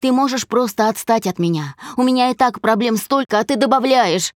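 A young woman snaps back with a tired edge, as a woman reads her aloud. She is hungover and out of patience, her replies sharp and short. Dry, close sound. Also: on the high side, brisk, no room sound, pitched above the performer's own voice, lightly acted. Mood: exasperated. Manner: sharp, exasperated.

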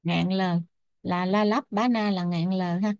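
Một người phụ nữ đang giảng bài, đọc chậm từng thuật ngữ, đánh vần rồi giải nghĩa như cho học viên chép. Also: female voice, fairly low pitch, fairly even intonation, a little mellow, smooth, dry recording, clean studio sound. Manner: spells out Pali terms and glosses them slowly. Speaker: Buddhist Abhidhamma teacher. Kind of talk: slow dictation-style teaching.

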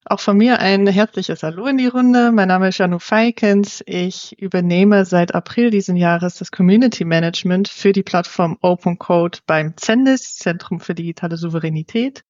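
Calm woman. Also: on the low side, moderate pace, hardly any pauses, no room sound, highs cut off. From Netherlands. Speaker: community manager, podcast guest. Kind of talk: casual interview talk.

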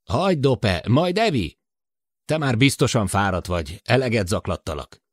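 A talkative, teasing spaceship crewman, as a male reader puts him on in a raised, lively voice that swoops up and down. His delivery is chatty and apologetic by turns, with the dry, close sound of a studio audiobook. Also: mid-range voice, no room sound, pitched above the performer's own voice. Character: joking male spaceship crewman stuck in the dark.

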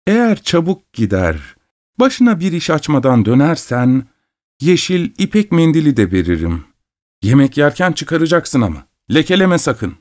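A man voicing a stern, sharp-tongued farm mother who scolds and gives orders. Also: a little high, sing-song, moderate pace, pitched above the performer's own voice. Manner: scolding, commanding.

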